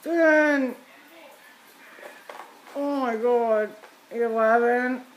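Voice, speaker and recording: A woman's voice: a little high, extremely slow, slight background noise, rough recording. A woman in her thirties chatting casually to her phone camera at home, with a wry, wincing, complaining manner. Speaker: vlogger doing a challenge. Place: small room indoors, on a couch. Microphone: phone at arm's length.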